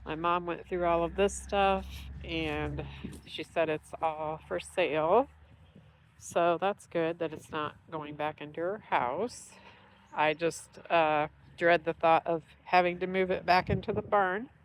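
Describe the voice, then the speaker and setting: A woman's voice: on the low side, fairly even intonation, unhurried, slight background noise. A middle-aged woman, congested and nasal from dust, chatting to viewers on her vlog while she works in a barn. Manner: chatty, upbeat, talking to viewers while working. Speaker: vlog host. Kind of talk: casual vlog narration. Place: dusty barn in the country.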